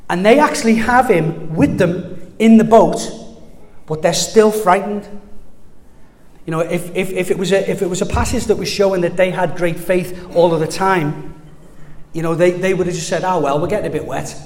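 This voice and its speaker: An earnest man preaches in a chatty, heartfelt way, circling back and restarting phrases as he goes. His voice sits a little high for a man. A long reverb trails every line, as in a large church hall. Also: steady tone, normal speed, darkish tone. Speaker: pastor. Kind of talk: sermon.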